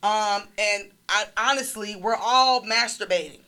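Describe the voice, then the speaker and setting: A woman's voice: medium pitch, measured pace, bright, forceful tone. A woman in her forties, co-hosting a casual group talk, blunt and teasing, laughing often. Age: 40s. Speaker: podcast co-host.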